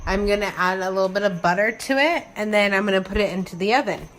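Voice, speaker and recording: A woman's voice: medium pitch, fast talker, fairly bright tone. A woman giving an informal, step-by-step cooking narration in the style of a casual home vlog. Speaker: home cook presenting a recipe. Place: home kitchen. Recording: noisy kitchen with frying sizzle. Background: food frying and sizzling.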